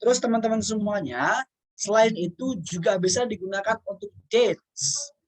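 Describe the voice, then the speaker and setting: Male teacher, patient casual lesson delivery, repeats key words, slows down for examples. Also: sits high, low-quality recording. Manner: reads English examples out slowly. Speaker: English teacher.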